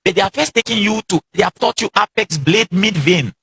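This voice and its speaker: A man's voice: sits high, lively intonation, brisk, bright, forceful tone, slightly rough. A man giving a motivational seminar talk, exhorting the audience with repeated lines and questions. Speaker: seminar speaker.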